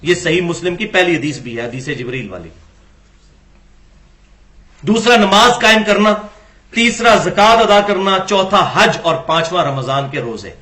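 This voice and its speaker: A man delivers a religious lecture in a high voice. His tone is bright and cutting, and he presses his argument with pointed rhetorical questions. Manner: argumentative, rhetorical questions, acts out quoted dialogue.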